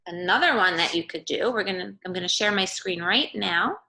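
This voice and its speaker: A woman with a fairly low, slightly quick, sharp-toned voice, captured on a rough recording. She's an early-grade teacher running a remote read-aloud lesson for young children, explaining things simply and instructively while often checking in with short questions like "okay" and "right?"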